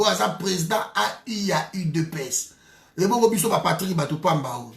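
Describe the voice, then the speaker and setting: A man's voice: sits high, vocal fry, roomy sound. A man from DR Congo, giving a heated political monologue as a commentator, emphatic and repeating his phrases with frequent restarts.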